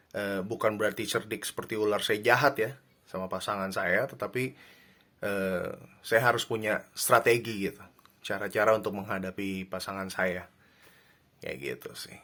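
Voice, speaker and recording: Bright-voiced man giving calm advice. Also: on the low side, moderate pace. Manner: calm, reflective, many fillers and restarts. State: married. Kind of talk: casual advice talk.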